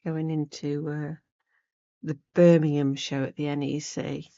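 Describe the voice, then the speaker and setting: During a chatty needlework demonstration, the host's voice sits low and warm but croaky from a cold, full of gravelly fry. She delivers things flatly and without hurry, rambling off the cuff and thinking aloud as she works. The sound comes across a little dull.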